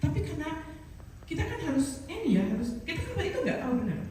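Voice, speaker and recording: A middle-aged woman giving a personal testimony, telling her story in an animated way, with many restarts and quoted dialogue. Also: high voice, quick pace, slight background noise. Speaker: testimony speaker. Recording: echoey room, voice from a distance, faint ambience.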